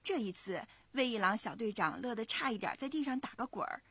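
A woman in her thirties, a mother, narrating a children's story in an expressive, measured way. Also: on the high side, husky, no echo. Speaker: parent storyteller.

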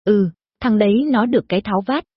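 A woman voicing a nosy, chatty older village woman who pries into her neighbor's business, in a shrill, gossipy manner, for an audio story. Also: fast talker, breathy edge, dry recording, natural voice. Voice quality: shrill, prying. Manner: gossipy, scolding, probing. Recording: dull lo-fi recording.

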